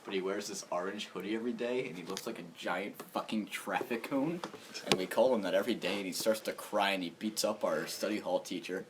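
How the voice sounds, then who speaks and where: A teenage boy co-hosting a podcast, telling crude school stories in a deadpan way. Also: on the low side, fairly quick, background noise. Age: teens. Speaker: podcast co-host. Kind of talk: casual chat.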